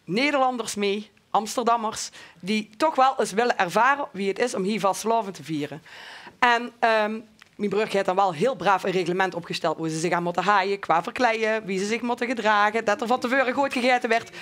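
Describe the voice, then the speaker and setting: A woman's voice: mid-range voice, a little fast, a bit bright. A woman with a Limburg accent telling an anecdote casually as a panelist.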